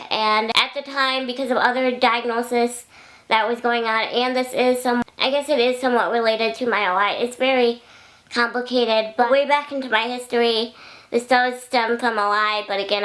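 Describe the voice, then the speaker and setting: Young woman vlogger, high-pitched, talks to camera in a rambling, chatty way that wanders and doubles back. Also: a bit bright. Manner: rambling, chatty, loses her thread and backtracks. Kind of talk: casual vlog talking to camera.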